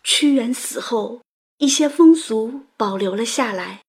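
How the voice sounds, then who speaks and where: Slow, breathy woman narrating a story. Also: on the high side, expressive. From China. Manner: delicate, romantic, gentle. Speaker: audio program host and narrator.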